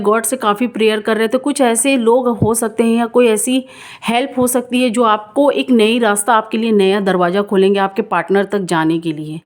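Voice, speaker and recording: A woman doing a casual, reassuring tarot reading for viewers, repeating herself and mixing in English words. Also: fairly high pitch. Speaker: tarot card reader.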